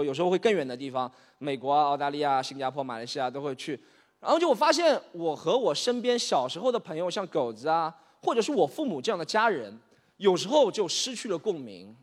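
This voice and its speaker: A man in his thirties from Shanghai performs a stand-up set on stage, rattling along fast with a higher voice. His storytelling is animated and exasperated, and a long hall reverb follows each line. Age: 30s. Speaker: stand-up comedian. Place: comedy stage.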